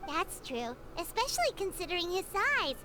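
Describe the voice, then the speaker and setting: A woman's voice: extremely high pitch, very animated, normal speed, bright, forceful tone, a little hiss or hum, exaggerated voice. A woman voicing a tiny floating female companion in a video game, chatty and blunt, who calls herself by her own name. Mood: chirpy. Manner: bouncy, talks about herself in the third person.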